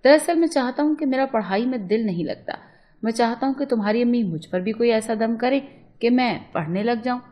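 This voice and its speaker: A woman's voice: on the high side, a little fast, dull audio, natural voice. A woman voicing a teasing, sarcastic young male college classmate in a storybook reading. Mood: mocking.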